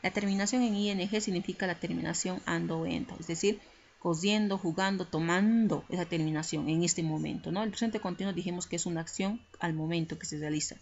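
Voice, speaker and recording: A woman's voice: fairly low pitch, a little fast, darkish tone. A woman teaching English grammar in a recorded lesson, explaining patiently step by step and checking in with her students. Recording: slightly muffled lo-fi recording with faint hiss.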